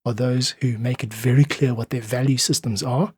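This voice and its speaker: As an interview guest on a podcast, a South African independent musician describes his ideas with earnest articulacy and frequent analogies. His husky, mid-range voice stays fairly even in intonation at a moderate pace, with no echo.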